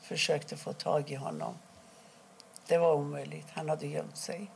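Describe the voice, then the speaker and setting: A middle-aged woman from Iran, telling her own story in an interview, quietly and haltingly, with many pauses. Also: low-pitched, big pitch swings, vocal fry, slight background noise. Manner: halting, quiet and emotional, pausing often. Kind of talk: personal testimony interview.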